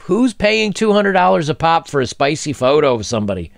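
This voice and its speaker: A man's voice: on the high side, sing-song, a little fast, vocal fry, no echo, clean studio sound. A man in his forties giving blunt, opinionated commentary while reading a news story aloud, with mocking asides. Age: 40s.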